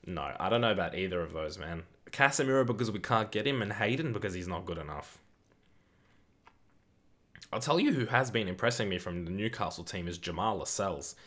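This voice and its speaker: A man hosting a casual live football watch-along stream, chatting with viewers and reacting loudly to the play. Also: sits low, expressive, brisk.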